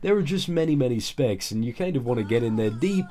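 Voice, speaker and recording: In a quick, medium-pitched voice with lively intonation and a dark tone, a gaming video creator offers informal, explanatory commentary on a video game. He comes across as ill and somewhat groggy.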